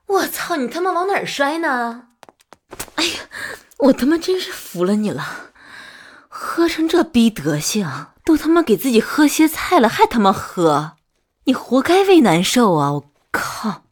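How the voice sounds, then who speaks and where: A woman's voice: lowish voice, animated, measured pace, pauses often, a little mellow, full character voice. A woman voicing a hot-tempered but doting older girlfriend in whispered role-play. She swears freely and swings between scolding and coaxing. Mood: yelling. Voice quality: very breathy, husky.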